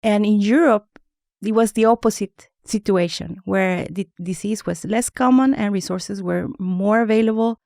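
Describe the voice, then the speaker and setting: A woman, and her voice carries a gravelly edge. She is a guest expert on a podcast, explaining carefully at a mid pitch with the odd restart. The recording is close and dry. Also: moderate pace, warm tone, dry recording. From Honduras. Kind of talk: podcast interview.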